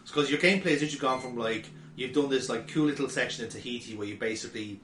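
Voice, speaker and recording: A man's voice: mid-range voice, very fast, a bit bright. A man doing casual, rambling gaming commentary, sweary and laughing often. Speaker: let's play commentator. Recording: echoey room with faint noise.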